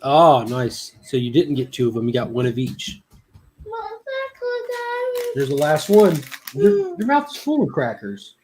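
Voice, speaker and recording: A man's voice: medium pitch, very animated, measured pace, pauses often, noisy background. A man joining a friend's livestream as a guest, chatting casually, joking around and laughing often. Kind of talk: casual chat.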